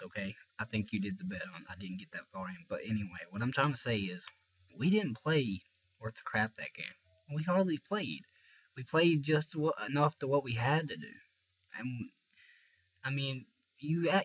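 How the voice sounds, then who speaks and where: A man's voice: medium pitch, a bit bright. A young man with a stuffy, tired voice talks frankly and ramblingly about a game in a casual fan video. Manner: rambling, frank, restarts a lot. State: congested and tired. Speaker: sports fan vlogger. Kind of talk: casual fan rant to camera. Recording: dull lo-fi recording.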